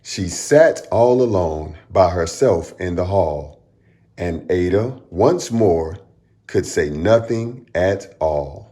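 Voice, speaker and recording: Slow and low-pitched, a man acts as storytime host, reading a rhyming picture book for children with dramatic, expressive flair.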